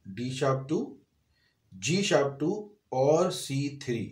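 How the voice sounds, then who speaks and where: A man's voice: mid-range voice, very animated, slow, reverberant. A man giving a piano and vocal lesson, explaining notes step by step and singing short phrases between his explanations. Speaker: music teacher. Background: piano playing.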